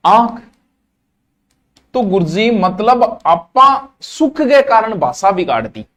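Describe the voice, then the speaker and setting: A middle-aged man with a Rajasthani accent giving a casual, jokey classroom lecture, slipping into Marwari asides. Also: sits high. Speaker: teacher.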